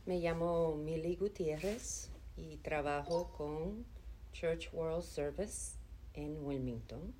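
A middle-aged woman from Chicago, an administrative assistant at a nonprofit, answers interview questions conversationally in a slow, low voice. She is calm and earnest, using hesitation fillers. A little hiss or hum is audible.

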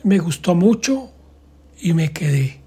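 Husky, slow older man. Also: high-pitched, very animated, dark tone. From Colombia. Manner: short, halting answers. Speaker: grandfather interviewed.

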